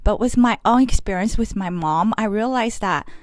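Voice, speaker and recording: A middle-aged woman from Los Angeles, a guest artist in an interview, speaking softly and hesitantly with many pauses. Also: medium pitch, dry recording. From Los Angeles, USA. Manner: hesitant, many ums, soft-spoken. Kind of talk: casual interview.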